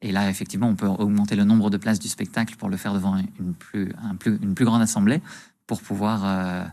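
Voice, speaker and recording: A man's voice: lowish voice, flat delivery, a little fast, a little mellow. A man working as a magician, explaining things agreeably and conversationally as a guest in a TV interview.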